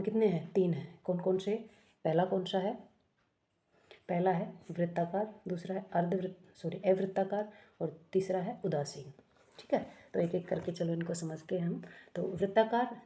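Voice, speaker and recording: A woman's voice: fairly low pitch, dark tone. A woman teaching an exam-prep grammar lesson, explaining step by step, asking questions and answering them herself, and correcting herself often.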